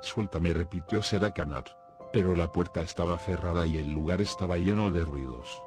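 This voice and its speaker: A man narrating an audiobook in a steady storytelling delivery. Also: low-pitched, moderate pace. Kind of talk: scripted narration. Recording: music playing behind the voice.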